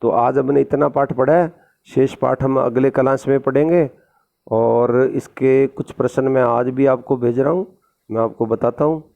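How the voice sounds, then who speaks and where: A man's voice: medium pitch, fairly even intonation, moderate pace, vocal fry. A man teaching a recorded school lesson with a sore throat, explaining patiently and repeating tag questions. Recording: dull lo-fi recording.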